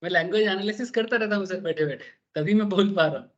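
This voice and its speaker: A man's voice: sits high, fast, muffled recording. A man giving a chatty, wandering classroom lecture on tax and often checking in with his students. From Bengal, India. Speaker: tax teacher.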